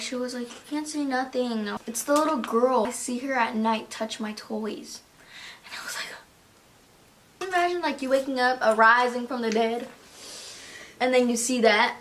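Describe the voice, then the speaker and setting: A young woman tells ghost stories to the camera in easy, casual chat, her voice sitting a little high. She acts out each quote as she goes and fills her sentences with "like." A faint hiss runs underneath. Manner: animated storyteller, acts out quotes, lots of "like". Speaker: vlog co-host. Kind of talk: casual ghost story telling.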